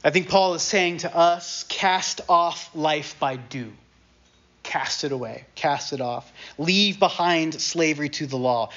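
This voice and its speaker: A man's voice: fairly high pitch, a little slow, a bit bright. A man preaching a sermon in a casual, conversational way, repeating key phrases for emphasis. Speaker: pastor. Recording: dull lo-fi sermon recording.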